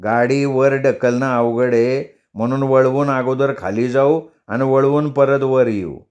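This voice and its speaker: A male storyteller playing a hot-tempered village taxi driver, blustering and quick to snap. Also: medium pitch, steady tone, a little mellow, natural voice. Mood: chatty.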